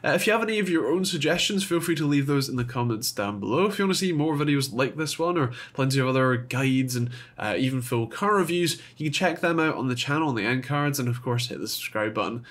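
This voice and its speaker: A man talking through a car repair in a casual how-to, stuffed up from a cold so his voice sounds nasal. He pauses often and fills the gaps with "uh" as he works out his words. His pitch sits in an ordinary middle range. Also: animated, fairly bright tone. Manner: hesitant, frequent "uh" fillers and restarts. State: has a cold. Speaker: car channel host.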